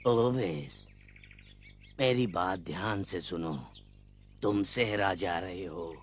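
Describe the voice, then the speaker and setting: A man's voice: deep voice, takes it slowly, a little hiss or hum. An actor dubbing a frail, fussy old man who rambles and repeats himself, recorded in a dubbing studio. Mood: fussing. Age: older. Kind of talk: Urdu film dubbing. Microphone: studio dubbing mic.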